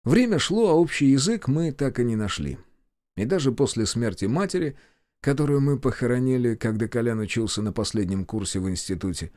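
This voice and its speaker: A man reading a first-person audiobook, lively and acting out the dialogue. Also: medium pitch, no echo, clean studio sound. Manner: lively, acts out shouts and dialogue. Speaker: audiobook narrator.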